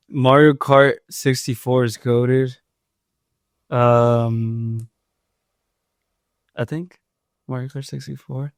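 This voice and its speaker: A man's voice: medium pitch, very slow, long pauses, no echo, studio quality. A young man co-hosting a casual podcast, talking hesitantly with many fillers. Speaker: podcast co-host. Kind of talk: casual chat.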